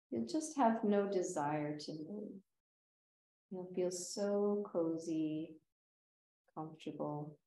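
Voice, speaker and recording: In a reverberant, poor-quality recording, a woman with a mid-range voice leads a guided meditation as a yoga nidra teacher. She speaks soothingly and gently, never hurrying, and leaves long pauses.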